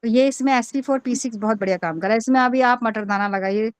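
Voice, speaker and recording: A woman's voice: fairly high pitch, fast talker, smooth, dry recording. A woman teaching an acupressure class online, explaining points with many fillers and reading lines aloud in English.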